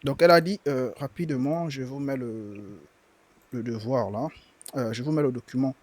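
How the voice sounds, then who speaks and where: A man's voice: medium pitch, normal speed, darkish tone. A man teaching a language class, patiently repeating words and drilling verb conjugations aloud, switching between explanations and careful pronunciation. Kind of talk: live class lesson explaining dialogue and vocabulary.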